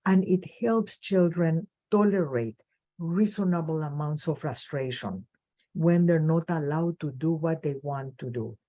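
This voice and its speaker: A woman psychologist giving a webinar lecture, speaking in a measured, thoughtful way with pauses and fillers. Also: deep voice, mellow. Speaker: child psychologist presenter. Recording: dull lo-fi webinar audio.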